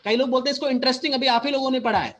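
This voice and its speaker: A man with an Indian English accent teaching a school class, switching between Hindi and English and explaining slowly and deliberately. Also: very high voice, fairly bright tone, slight background noise.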